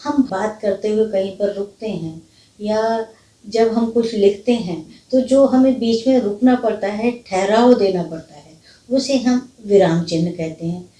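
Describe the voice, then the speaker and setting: A woman's voice: medium pitch, unhurried, dark tone. A woman teacher explaining grammar patiently, step by step with examples. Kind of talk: grammar lesson.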